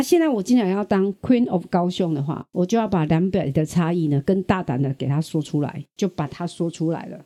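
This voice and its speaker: A woman's voice: lowish voice, dry recording. A middle-aged woman from Kaohsiung with a Taiwanese Mandarin accent, hosting a casual podcast chat and telling stories with acted-out quoted voices. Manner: animated storyteller who acts out quoted voices. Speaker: podcast host.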